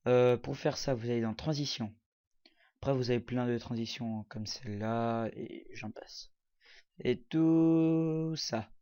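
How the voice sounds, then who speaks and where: A man narrates a screen-recorded software tutorial in a loose, casual way, stopping often on fillers as he clicks through menus. His voice sits at an ordinary middle pitch for a man. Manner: hesitant, many fillers, talks while clicking. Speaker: tutorial presenter.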